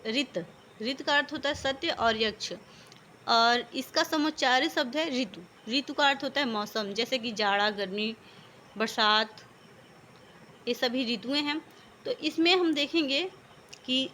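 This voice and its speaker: A woman's voice: high voice, bright, forceful tone, a little hiss or hum. A woman teaching a vocabulary lesson, patiently explaining one word after another.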